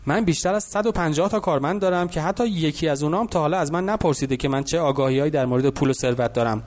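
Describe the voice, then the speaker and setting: A man voicing a wealthy older businessman who calmly lectures a boy in an audiobook. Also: on the high side, natural voice. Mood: lecturing. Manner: patient, instructive.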